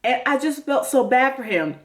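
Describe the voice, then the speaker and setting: A woman's voice: high-pitched, lively intonation, moderate pace. Chatty opinionated woman recapping TV. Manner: chatty and opinionated, with many fillers. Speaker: recap host. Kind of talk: casual TV recap commentary.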